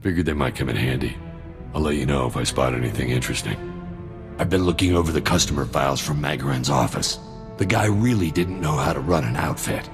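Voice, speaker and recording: Fairly quick and businesslike, this sardonic mercenary soldier, a greedy alien arms dealer, talks in a very deep voice thick with gravel. His dry-humoured schemes come across in relaxed video game cutscene fashion, backed by prominent music.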